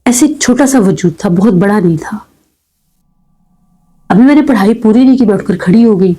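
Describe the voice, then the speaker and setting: A woman telling a frightening first-person story in a calm, measured way, with dramatic pauses. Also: mid-range voice, husky, low-quality recording. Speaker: horror story narrator.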